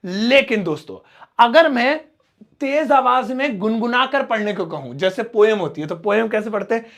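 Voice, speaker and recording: A man's voice: sits high, expressive, normal speed, a bit bright. A young man teaching simple English in an explanatory lesson, repeating key words and acting out everyday examples. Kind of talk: spoken English lesson in Hindi.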